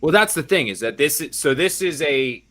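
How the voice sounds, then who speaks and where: Bright-voiced rambling man on a podcast. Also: a little high, animated, moderate pace. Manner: rambling, self-correcting, joking asides. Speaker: football beat reporter, podcast co-host. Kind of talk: casual podcast chat.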